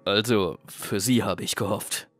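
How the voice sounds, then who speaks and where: A man voicing a cold, scheming middleman in a horror audiobook, clipped and commanding with a quiet menace. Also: fairly low pitch, measured pace, no room sound, soft background music. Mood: smug. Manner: clipped, commanding, coolly threatening. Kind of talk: audiobook drama acting.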